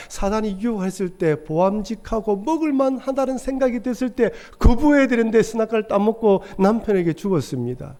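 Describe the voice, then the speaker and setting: Preaching in a church sanctuary, this middle-aged pastor has a high voice with a darkish tone. His sermon is earnest storytelling, with quoted voices acted out.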